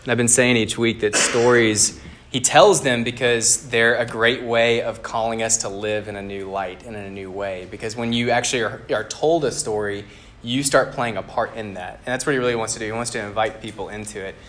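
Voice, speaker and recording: A man giving a relaxed, conversational sermon to a campus group. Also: lowish voice, fairly quick, slight background noise. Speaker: campus ministry speaker. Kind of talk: casual sermon.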